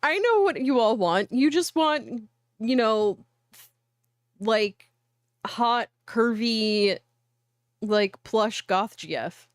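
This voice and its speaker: This woman's voice runs on the high side, expressive and slow, with long pauses, captured at studio quality with no echo. She hosts a casual visual novel livestream, chatting playfully and informally and now and then reading aloud.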